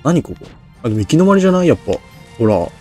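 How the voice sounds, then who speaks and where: A man's voice: medium pitch, very animated, very fast, mellow, faint music behind. Man with a lilt, mumbled diction. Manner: rambling, self-deprecating, thinks aloud. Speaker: game streamer. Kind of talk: casual Let's Play commentary.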